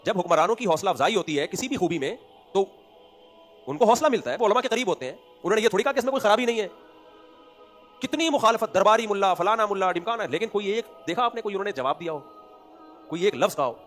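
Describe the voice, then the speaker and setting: A man with a Pakistani Urdu accent giving an Islamic sermon, swinging between loud emphatic points and quiet asides, asking rhetorical questions and answering them himself. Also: sits high, lively intonation, fast talker, faint music behind. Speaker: religious scholar giving a lecture.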